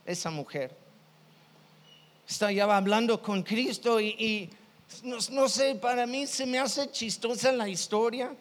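A male pastor delivers a sermon in a high voice at an unhurried, deliberate pace. He retells stories with emphasis, repeating phrases for weight. His words trail into the long reverb of a church hall. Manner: emphatic, storytelling with repetitions.

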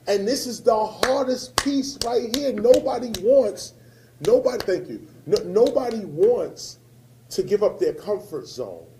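Impassioned man, high and swooping. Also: lively intonation, a little slow, a little hiss or hum, poor audio. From United States. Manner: emphatic, repeats key phrases, swings between loud and hushed. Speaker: rapper speaking to an audience. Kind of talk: impassioned public talk.

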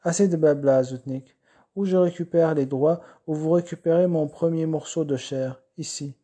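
A man's voice: on the high side, moderate pace, mellow, husky. A man reading aloud, voicing a male writer who threatens a lawyer in a curt, pressing way. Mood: threatening. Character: angry male writer with power saw.

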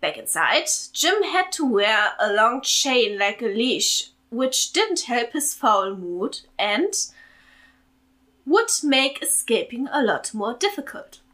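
A woman reads out a story she wrote, narrating with an amused, chatty ease. Her voice is on the high side and very lively in its melody. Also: slow pace, rough recording. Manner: amused, laughing between narration. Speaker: story author and podcast host. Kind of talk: reading her own story aloud with chat.

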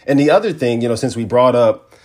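Here a tech podcast co-host talks fast in a medium-pitched voice. He keeps the conversation loose and relaxed, spinning lively, slang-heavy stories.

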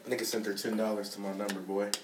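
A man's voice: lowish voice, fast talker, echoey room, recorded from a distance, a little hiss or hum. A man hosting a podcast, telling slangy stories in a casual chat. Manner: animated storyteller, slangy, laughing. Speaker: podcast host.

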